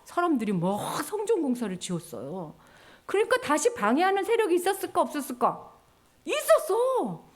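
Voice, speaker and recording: A woman's voice: high-pitched, moderate pace. A woman teaching a children's sermon in a church, storytelling animatedly and acting out the people in the story. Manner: animated, acts out characters' lines with sighs and cheers.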